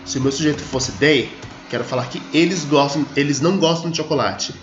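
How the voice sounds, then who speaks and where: Man teaching slowly in an echoey room. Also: a little high, soft background music. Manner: explains slowly, stretching example sentences, checks in with students. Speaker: English teacher. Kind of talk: screen-recorded grammar lesson. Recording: echoey room, dull lo-fi audio.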